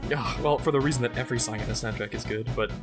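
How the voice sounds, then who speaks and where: A man co-hosting a casual podcast about game music. He talks in an animated way, laughs often and drifts into jokey tangents. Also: medium pitch, rapid-fire. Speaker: podcast co-host.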